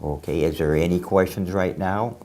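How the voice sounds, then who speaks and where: A man teaching English pronunciation to a class, explaining slowly and deliberately with frequent pauses and fillers. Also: low-pitched, a little mellow, slight background noise. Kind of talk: classroom lesson.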